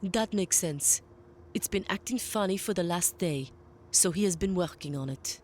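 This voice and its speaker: A woman playing a gentle, reasonable ship doctor who talks calmly and considerately in a sci-fi audio drama. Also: lowish voice, normal speed. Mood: calm, apologetic. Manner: calm, considerate.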